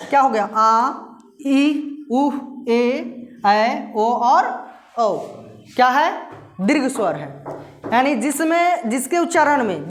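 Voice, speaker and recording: A woman teaching a Hindi grammar lesson who asks her class questions, answers them herself and slowly repeats the key terms. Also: high-pitched, reverberant, slight background noise.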